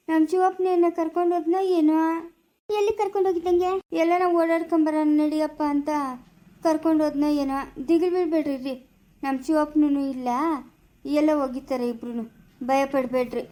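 A woman's voice: very high voice, dark tone. A woman playing an older village woman who frets tearfully and then soothes, speaking in a village family drama. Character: older village woman, elder sister, calming yet fretful.

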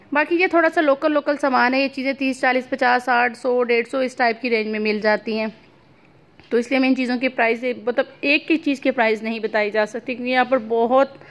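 A woman with a Pakistani Urdu accent, narrating a walking market tour as a vlogger in a chatty, upbeat way, recorded on a handheld phone at an outdoor market. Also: a little high. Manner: chatty, upbeat product pointing.

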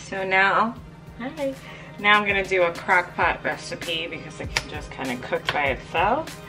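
A woman's voice: lowish voice, a little slow, over music. A woman vlogging casually in her home kitchen, walking viewers through a recipe. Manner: chatty, walks viewers through her cooking. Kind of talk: casual vlog narration.

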